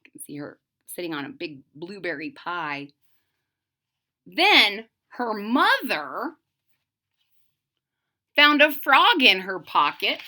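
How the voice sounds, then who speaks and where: Reading a children's picture book to young listeners, this storybook reader speaks in a medium-pitched, sing-song voice that's slow, bright and forceful, with long pauses. She reads expressively and stops to explain things along the way.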